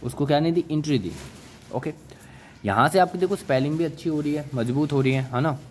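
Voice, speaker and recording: Fairly high-pitched and fairly quick, a man teaches English vocabulary in a classroom lecture, with a little hiss or hum in the audio. He coaxes his listeners, addressing them as brother and child, repeating words and firing repeated questions at them.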